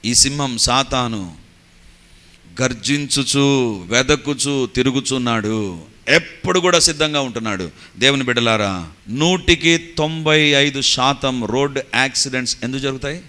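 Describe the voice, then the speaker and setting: A man preaching a sermon, telling stories with animated rising exclaims and slipping English phrases in. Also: medium pitch, unhurried. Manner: mixes English phrases into Telugu. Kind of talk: Telugu sermon.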